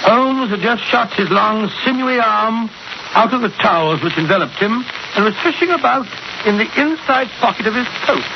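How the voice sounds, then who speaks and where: A genial old English doctor spinning yarns in an old radio play. His voice is high and swoops freely, and he rambles and hesitates in an avuncular way. The recording is muffled and noisy. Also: lively intonation, moderate pace, vocal fry. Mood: reminiscing. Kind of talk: 1940s radio drama acting.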